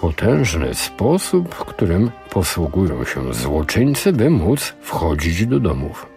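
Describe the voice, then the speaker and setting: Cynical old male sorcerer, read by a man, deep voice, lively lecturing tone, faint music under, radio storytelling. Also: heavily acted. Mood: solemn. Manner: lecturing, slow and measured. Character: scheming older male sorcerer, calm and cynical.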